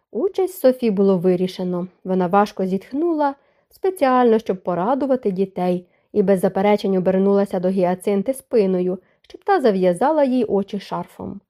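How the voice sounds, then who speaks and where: A woman reading an audiobook of a romance novel in an even, measured narration. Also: mid-range voice.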